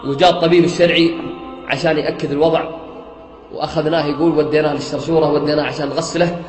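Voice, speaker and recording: A man's voice: a little high, fairly even intonation, rapid-fire, a little mellow. A man preaching a sermon, retelling a story dramatically, swearing oaths and repeating "he says" over and over. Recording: echoey room with faint music.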